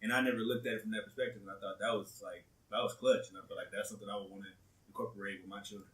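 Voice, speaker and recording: A man co-hosting a casual podcast, talking eagerly and excitably. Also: on the low side, rapid-fire, far from the mic. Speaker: podcast co-host. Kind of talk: casual chat. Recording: roomy and off-mic.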